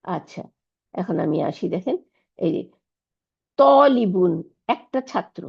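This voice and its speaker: A woman's voice: medium pitch, expressive, takes it slowly, gravelly, breathy edge. A woman teacher, explaining Arabic grammar step by step in an online lecture, mixing in English terms. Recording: dull lo-fi recording.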